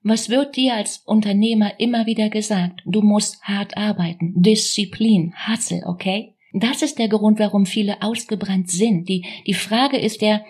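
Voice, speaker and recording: A woman coach talking straight at the listener. She keeps it punchy and direct, with casual asides and blunt jabs. Her voice sits in a middle pitch. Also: fairly even intonation, moderate pace, few pauses, a little mellow, breathy edge. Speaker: business coach. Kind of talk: motivational talk to camera.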